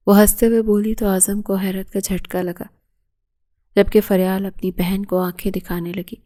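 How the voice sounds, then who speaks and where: A woman narrates a romantic audio novel with a steady storytelling read. Her pitch stays flat and even, and her tone is soft and mellow.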